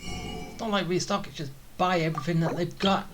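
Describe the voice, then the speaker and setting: In a lowish voice and at a slightly quick pace, a woman streams a let's-play, chatting loosely as she reacts to the game and reads out its dialogue. The game's music can be heard behind her.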